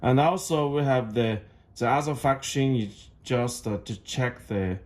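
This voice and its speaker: Speaking English as a second language, this man demonstrates a product one step at a time, off the cuff, with frequent hesitations and repeated phrases. His voice falls in the middle range.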